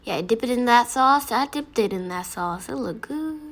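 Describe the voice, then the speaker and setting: A woman doing a casual food-review voiceover, excitable and gushing over the food, with music behind her. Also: a little high, normal speed.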